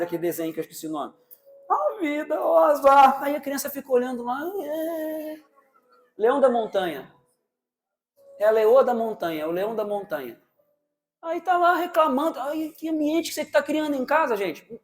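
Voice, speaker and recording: A Brazilian man preaching a sermon, animated, firing rhetorical questions at the congregation and acting out parents and children in quick asides. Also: very high-pitched.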